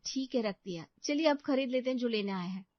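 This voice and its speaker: A woman voicing a polite, deferential young working wife in an animated story. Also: fairly high pitch, a little fast, dry recording, natural voice. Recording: dull lo-fi dry recording.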